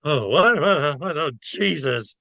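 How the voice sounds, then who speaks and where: A man's voice: fairly high pitch, lively intonation, slow, vocal fry, sharp tone, no room sound, pitched above the performer's own voice, exaggerated voice. A man doing a flustered, stammering drunk. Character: confused male drunk woken on a bench.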